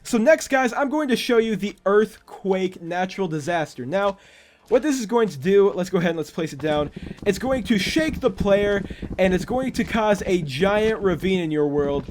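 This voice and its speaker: A man's voice: sits high, darkish tone. A young man casually walking viewers through a game creation, chatty and often stumbling over his words. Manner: chatty, stumbles and restarts, self-correcting. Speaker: gaming YouTuber. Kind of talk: casual gameplay walkthrough.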